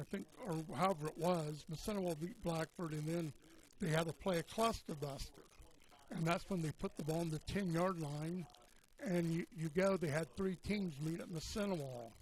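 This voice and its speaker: A man's voice: on the high side, a little hiss or hum, rough recording. An older man, a local sports radio commentator telling a long, meandering story in a folksy way and correcting himself as he goes. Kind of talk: rambling storytelling on a sports broadcast.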